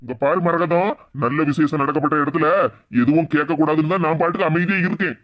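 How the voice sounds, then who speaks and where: A woman's voice: sits low, steady tone, fast, lo-fi sound, close to an everyday voice. A woman voicing a stern, protective older brother in a cartoon who scolds in a Tirunelveli Tamil accent.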